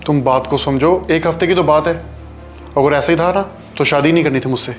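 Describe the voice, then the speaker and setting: An actor playing a kind young husband who talks calmly and reasons with his wife. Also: on the high side, a little fast, soft background music, natural voice. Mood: calm, patient. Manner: calm, reasoning, soothing. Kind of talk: short film acting.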